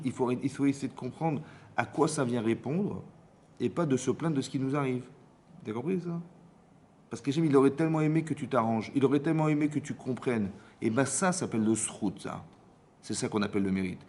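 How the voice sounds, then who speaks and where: A man giving a Torah lesson as a rabbi, acting out dialogues and often checking that his listeners understood. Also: mid-range voice. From France. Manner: lively, acts out dialogues, asks the audience if they understood. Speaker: rabbi teaching a class. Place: community hall class.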